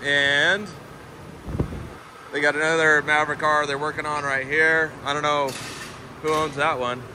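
His voice sits a little high, stays fairly flat in pitch, and never hurries. Filming as he goes, he hosts a relaxed walkthrough of a parts warehouse and workshop, keenly pointing things out along the way, and the shop noise comes through clearly.

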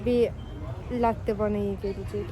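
A young woman vlogging on her phone outdoors and in a cafe, chatting casually and swinging between giddy teasing and low grumbling complaints. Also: steady tone, unhurried, background noise. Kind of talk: casual vlog chat. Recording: loud background music. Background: music playing.

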